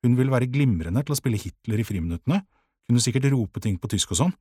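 Man, audiobook narrator, husky, dry close sound, measured. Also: mid-range voice, no room sound. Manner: calm, measured storytelling.

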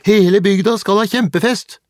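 A man doing a high-pitched cheeky boy. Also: darkish tone, no echo, clean studio sound. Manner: high, slow and mocking. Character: cheeky young village boy.

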